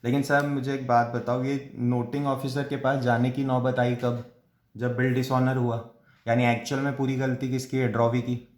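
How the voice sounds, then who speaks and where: A male commerce tutor, at a middle pitch, talks through a lesson step by step. He asks questions and answers them himself, and slows right down to read out definitions. His voice rings in an echoey room. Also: little pitch movement, a little mellow. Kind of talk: classroom lecture in Hinglish.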